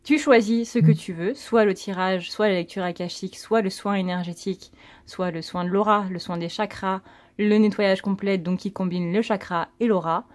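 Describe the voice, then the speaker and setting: A woman's voice: mid-range voice, normal speed. A woman giving a casual, rambling tarot reading, full of fillers and self-corrections. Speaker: tarot card reader.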